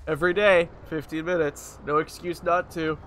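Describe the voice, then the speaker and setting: A young man talks through his gameplay, grumbling and cursing at the enemies that beat him. His voice is bright and sits a little high. A faint hiss runs underneath. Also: little pitch movement, moderate pace. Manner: sarcastic, swears often, mutters to himself and yells at enemies. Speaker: streamer. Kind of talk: casual gameplay commentary.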